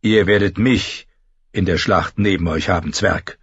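A man voicing a cocky, blunt sellsword in an audiobook reading, close to his own low voice. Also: steady tone, unhurried, slightly rough, no echo, full character voice. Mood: mocking. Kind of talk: audiobook character voice. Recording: dull lo-fi recording.

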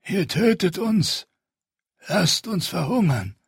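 A man's voice: high voice, sing-song, slow pace, gravelly, breathy edge, no room sound, clean studio sound, pitched above the performer's own voice, full character voice. A man voicing a bitter, accusing old male refugee in an audiobook. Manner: resentful, accusing.

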